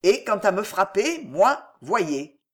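A reader voicing a cold, scheming nobleman, speaking in a grim, commanding, measured way in an audiobook. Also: sits high, big pitch swings, slightly rough, full character voice. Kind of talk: audiobook character voice.

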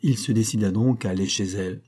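A man narrating a classic novel as an audiobook in a measured, even reading. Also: fairly low pitch, slightly rough. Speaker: audiobook reader.

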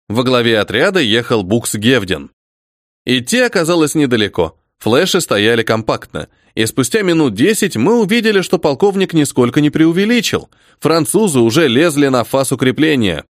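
Man narrating a war audiobook, lively. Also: on the high side, no echo, studio quality. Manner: dramatic, expressive reading. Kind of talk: first-person audiobook narration.

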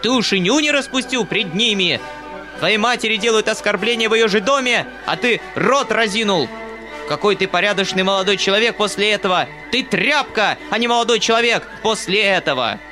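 A man voicing a shrill, furious, domineering noblewoman who scolds and shrieks at everyone. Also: expressive, brisk, bright, forceful tone, faint music behind. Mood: shrieking fury.

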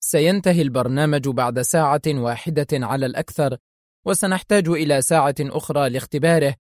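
A man voicing a nervous bespectacled male programmer who answers calmly and hesitantly. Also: medium pitch, fast, dry recording, clean studio sound, natural voice. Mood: uneasy. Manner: hesitant, calm replies.

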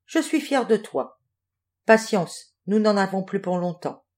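A woman's voice: medium pitch, expressive, measured pace, darkish tone, close to an everyday voice. Woman voicing Grand-Bec, a grumbling pelican. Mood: reassuring. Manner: grumbling, reassuring. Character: grumbling male pelican, a patient helpful friend.

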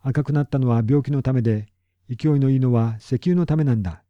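A man's voice: mid-range voice, brisk, no echo, natural voice. A man voicing a proud, stubborn middle-aged farmer who talks bluntly and boastfully, on a dull lo-fi recording. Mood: gruff, determined.

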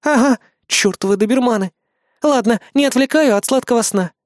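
Guy doing a high loud goddess girl, bossy and snappy, dry close mic. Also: moderate pace, no echo. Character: brash scheming young goddess woman. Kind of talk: audiobook character voice.

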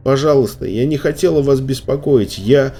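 A man voicing a frightened girl of about twelve who squeaks and stammers in a trembling voice. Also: moderate pace, warm tone, faint music behind, natural voice.

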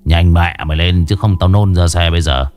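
A man voicing a drunk, irritable gangster boss who barks orders in a low growl. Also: steady tone, fairly quick, darkish tone, soft background music, lightly acted. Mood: drunk irritated.

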